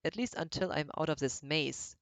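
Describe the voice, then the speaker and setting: A man from Germany, chatting casually while streaming a video game and often pausing to search for English words. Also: on the high side, a bit bright, dry recording. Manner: hesitant, searching for words, many restarts. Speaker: let's play streamer. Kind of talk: casual chat while gaming.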